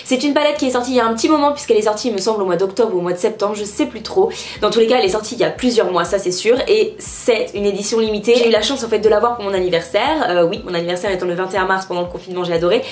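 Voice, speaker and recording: A woman's voice: mid-range voice, racing, darkish tone. A young woman talks through a makeup tutorial in a casual, chatty way, with many fillers and self-corrections. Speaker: beauty vlogger.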